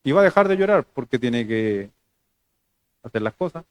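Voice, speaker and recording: A man with a Chilean Spanish accent, a pastor preaching a sermon in a conversational way, joking and moving between loud emphasis and soft, low asides. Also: sing-song, moderate pace, no echo.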